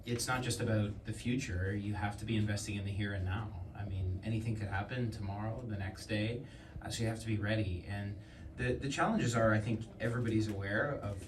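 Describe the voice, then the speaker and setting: Male politician, low register, earnest and stop-start, fielding a question in a reverberant room. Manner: halting, repeating words as he argues earnestly. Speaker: provincial government politician. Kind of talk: answering a question at a public announcement. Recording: echoey room, distant mic, faint noise.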